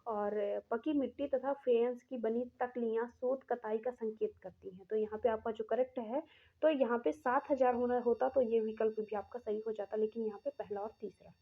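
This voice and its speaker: A woman's voice: a little high, steady tone, moderate pace. A woman teaching an exam-prep lesson, reading out questions and explaining each answer step by step to her students. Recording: tinny phone-like sound.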